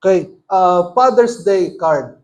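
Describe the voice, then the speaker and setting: A pastor delivers a sermon with a notably high-pitched voice. He mixes Tagalog and English, keeps asking the listeners rhetorical questions, and preaches with earnest emphasis. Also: lively intonation, slow, a little mellow.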